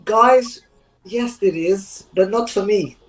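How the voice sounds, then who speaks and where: A woman's voice: mid-range voice, slow, soft background music, poor audio. A woman co-hosting a live spiritual question-and-answer show, talking in an earnest, rambling way with loose, non-native grammar. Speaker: co-host.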